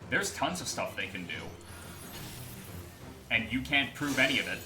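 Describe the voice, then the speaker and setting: A man's voice: medium pitch, big pitch swings, moderate pace, reverberant, music in the background. A man giving casual, sardonic and profane commentary as he plays a video game.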